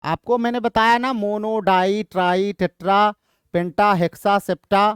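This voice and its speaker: A man's voice: high-pitched, steady tone, measured pace, a bit bright, clear, resonant tone, no echo, clean studio sound. A man with an Indian English accent teaching an exam-prep lesson. He repeats his points often and asks questions that he answers himself.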